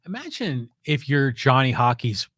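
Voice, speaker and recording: A man co-hosting a sports podcast, relaxed, reading audience comments aloud and chiming in briefly. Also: medium pitch, moderate pace, dry recording, clean studio sound. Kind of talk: casual sports talk.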